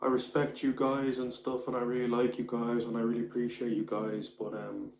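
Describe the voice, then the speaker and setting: A man hosts a casual livestream from home, reading chat comments and answering in a rambling way while calling viewers "bro." He keeps his voice down indoors so he won't disturb the landlord. His voice is medium-pitched, flat and brisk against a noisy background.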